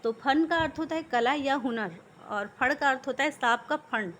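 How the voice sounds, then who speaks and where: A woman's voice: high-pitched, moderate pace, a bit bright, slight background noise. A woman teaching a vocabulary lesson, patiently explaining one word after another.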